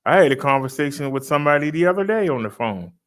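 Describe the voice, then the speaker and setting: A man's voice: fairly high pitch, expressive, quick pace. Exasperated fifty-year-old man ranting. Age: 50s. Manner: exasperated, argumentative, repeats points. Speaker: vlogger. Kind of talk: casual ranting monologue.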